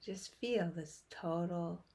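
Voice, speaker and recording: In a guided meditation, a woman with a lowish voice speaks quietly and softly, drifting toward a whisper. Long pauses fall between her short phrases.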